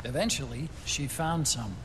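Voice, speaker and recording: An actor playing an earnest, thoughtful technical expert in a video game, explaining things in a scripted briefing. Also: male voice, medium pitch, moderate pace, noisy background, close to an everyday voice. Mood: reflective, explanatory.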